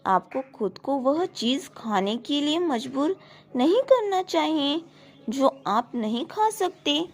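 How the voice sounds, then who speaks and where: A woman voicing a calm, caring male duke who speaks gently and reassuringly to his adopted daughter, in a storybook retelling. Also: high-pitched, slow, exaggerated voice. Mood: gentle.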